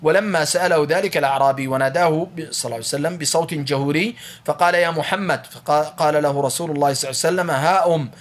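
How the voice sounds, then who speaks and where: A male religious teacher giving a lecture, reading a classical text aloud and explaining it with quick rephrasings and frequent restarts. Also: fairly high pitch, steady tone.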